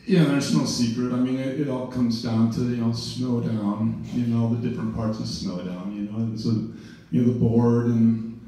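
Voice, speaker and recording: A middle-aged man gives a casual eulogy, rambling, joking wryly and saying "you know" a lot, in a warm, mid-range voice. His intonation is fairly even and his pace moderate with hardly any pauses, while the distant mic in a large event room catches heavy echo.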